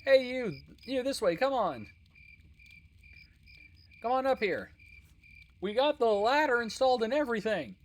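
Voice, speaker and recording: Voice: mid-range voice, lively intonation, a little slow, pauses often, voice pushed up, natural voice. Game villager, cheerful, chatty, grateful, slightly raised voice, put on by a gamer. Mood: urging.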